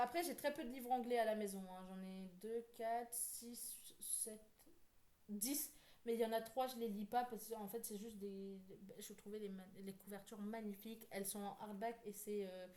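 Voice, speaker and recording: A woman book vlogger talking casually, rambling with many fillers and quick self-corrections. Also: a little high. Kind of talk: casual chat.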